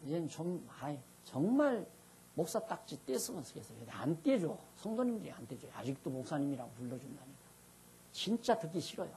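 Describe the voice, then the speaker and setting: A man's voice: fairly high pitch, very animated, fairly quick, gravelly, a little hiss or hum. An older man, a pastor, giving a chatty, self-reflective Bible lecture while seated before a class. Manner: chatty, self-reflective, sometimes mimics shouting preachers. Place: seated, speaking informally to a class.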